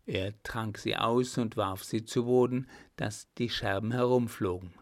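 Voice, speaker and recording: A man reading a novel aloud as narrator, in measured, even storytelling. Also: lowish voice, no echo, studio quality. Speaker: audiobook narrator. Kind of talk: scripted narration.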